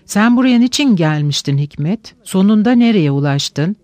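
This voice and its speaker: A weary, sad young woman speaks in a quiet, plain way, voiced by a man reading a novel aloud. The voice sits high and clear, close to the mic with no room sound. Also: animated, normal speed, no echo. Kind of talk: audiobook reading.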